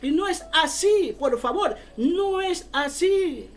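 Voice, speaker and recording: A woman's voice: very high-pitched, animated, slow pace. A woman preaching a fervent sermon, often calling her listeners brother.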